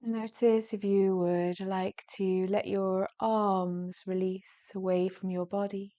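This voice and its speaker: Leading a yoga nidra meditation, a woman with a mid-pitched voice talks in a soothing, gentle way, stretching her phrases out slowly and leaving long pauses. Her tone is warm and relaxed, soft throughout, with breath creeping into the end of each phrase.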